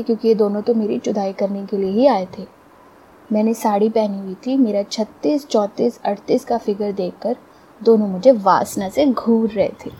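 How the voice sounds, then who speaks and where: A woman reading a first-person story aloud in a steady, confiding narration that speaks to the listeners. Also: medium pitch, slight background noise, low-quality recording.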